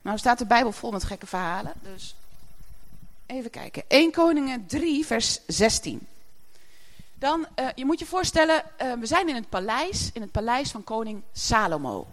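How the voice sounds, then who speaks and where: A woman's voice: on the high side, sing-song, normal speed. A woman preaching a sermon in a chatty way, often laughing as she speaks to the congregation.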